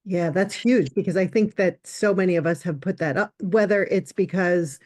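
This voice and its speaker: A woman's voice: lowish voice, moderate pace, darkish tone. Hesitant woman podcast host. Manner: hesitant, searching for words, many fillers. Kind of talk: podcast interview.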